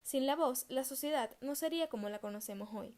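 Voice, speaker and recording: A young woman reads her research presentation aloud, pronouncing each term with care. Her voice sits a little high, and the delivery is steady and studious. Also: a little fast. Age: young adult. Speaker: student presenter.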